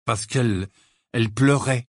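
A man voicing Harry, an awkward teenage boy who speaks in a hesitant, halting, downcast way. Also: medium pitch, expressive, dry recording, studio quality.

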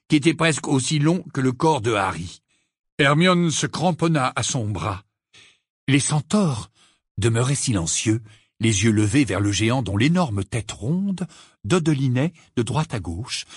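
A man reading a fantasy novel aloud as an audiobook narrator, in a dramatic, expressive way. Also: mid-range voice, husky, no echo, studio quality. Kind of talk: scripted narration.

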